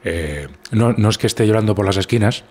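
Spanish male guest, husky and low, rambling storyteller in casual chat. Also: fairly quick, darkish tone. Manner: rambling anecdotes with many restarts. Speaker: guest comedian. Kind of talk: casual conversation.

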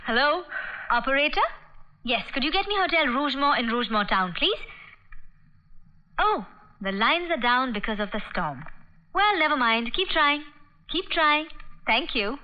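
An actress playing a caring, lively young woman on a trip, in film dialogue with a dull lo-fi soundtrack and music. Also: sits high, very slow, pauses often, heavily acted. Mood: polite.

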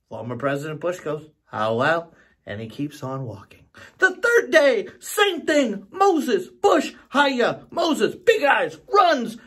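Animated, theatrical middle-aged male joke-teller. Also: very high-pitched, slightly rough. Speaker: actor telling jokes. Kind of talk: storytelling joke to camera. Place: home studio.

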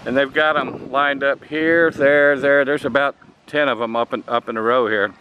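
A man's voice: mid-range voice, steady tone, normal speed, clean tone, highs cut off. An older American man chatting casually as he walks a tropical garden with a handheld camera, pointing things out. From United States. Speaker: travel vlogger. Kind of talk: casual travel commentary. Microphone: camera mic, handheld. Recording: outdoor noise on camera mic.

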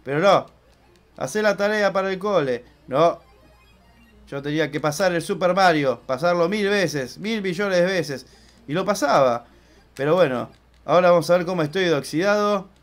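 A young Argentine gaming channel host plays through a casual let's-play, chatty and excitable, and swears loudly whenever he fails. His voice is a little high and his pace moderate.

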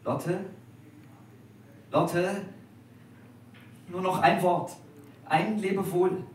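A man's voice: high-pitched, fairly even intonation, extremely slow, pitched above the performer's own voice. A man voicing a lovesick, tormented young man in a staged literary reading at a restaurant, pleading in a raised voice. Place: restaurant at a live dinner reading. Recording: echoey room from a distance, faint noise.

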